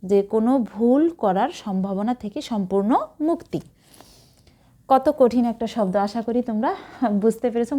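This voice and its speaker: A woman's voice: on the high side, warm tone. A woman teaching English vocabulary, spelling words letter by letter and giving memory tricks. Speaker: English tutor. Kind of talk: vocabulary lesson.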